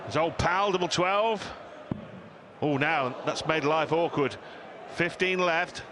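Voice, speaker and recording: Higher-voiced male darts commentator, noisy venue. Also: slow pace. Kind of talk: live sports commentary. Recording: clear arena noise behind.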